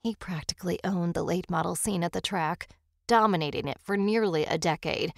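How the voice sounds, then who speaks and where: A woman doing folksy rambling small-town dad, gravelly edge, close and dry. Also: lowish voice, a little fast, no room sound. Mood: reminiscing. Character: chatty small-town father recalling old racing days.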